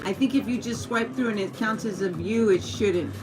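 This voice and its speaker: A YouTube streamer with a Mexican American accent chats aimlessly on a casual livestream, full of fillers and restarts, and greets her viewers. Her mid-range voice moves at normal speed. Music plays behind the noisy stream audio.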